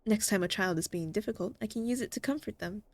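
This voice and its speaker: A woman voicing a calm, kindly female doctor from a video game. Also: mid-range voice, quick pace, no echo, lightly acted. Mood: gentle, thoughtful. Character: calm, kindly female doctor who likes fairy tales.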